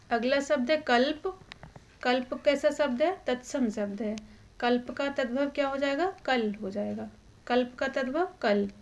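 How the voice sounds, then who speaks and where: A woman teaching a grammar lesson for exam students. She asks a question and then answers it herself, and she points out which words matter for the exam. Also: high-pitched. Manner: stresses the exam-important words.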